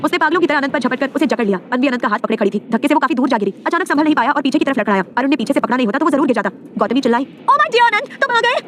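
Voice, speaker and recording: A woman narrating a dramatic romance audio story in a rapid, emphatic way. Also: sits high, animated, slight background noise. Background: background music.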